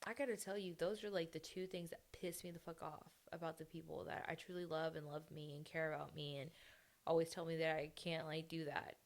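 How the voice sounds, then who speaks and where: A young adult woman talks frankly into her own podcast, blunt and full of swearing. Her voice sits on the low side, with a gravelly, fry-laden texture. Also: little pitch movement, fairly quick. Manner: blunt, heavily profane venting. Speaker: podcast host. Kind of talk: candid personal monologue.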